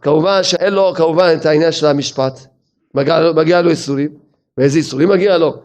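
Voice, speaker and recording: High-voiced animated rabbi preaching. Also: male voice. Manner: animated, rhetorical questions. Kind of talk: sermon with storytelling.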